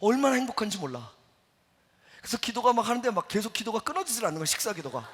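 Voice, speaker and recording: Animated male pastor in a reverberant church. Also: high-pitched, fast, a little hiss or hum. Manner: animated storytelling with acted-out quotes. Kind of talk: sermon. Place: church sanctuary.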